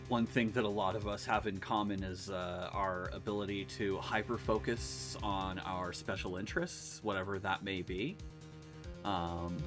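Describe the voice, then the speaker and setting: A man streaming a game, chatting casually and rambling between laughs. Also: on the low side. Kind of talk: casual let's-play commentary. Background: game music.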